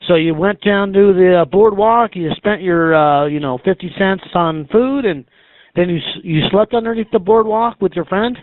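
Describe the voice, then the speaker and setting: Man interviewer, fairly high voice, hesitant casual questions, phone-like recording. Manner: halting, hesitant questions with many pauses. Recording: tinny phone-like band, roomy echo.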